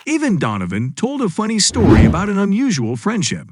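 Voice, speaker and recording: A man's voice: high voice, huge pitch swings, fairly quick, heavy background noise. A man reading scripted video narration as a voice-over. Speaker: compilation narrator. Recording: loud music under voice-over. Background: loud music.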